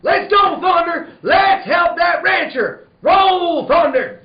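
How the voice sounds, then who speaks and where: A man's voice: very high voice, expressive, slow pace, reverberant, raised voice, muffled recording, a crowd in the background, background noise, heavily acted. A man playing a heroic, good-humoured cowboy leader in an old-time radio western, talking in a hearty, commanding, folksy way. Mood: urgent, commanding.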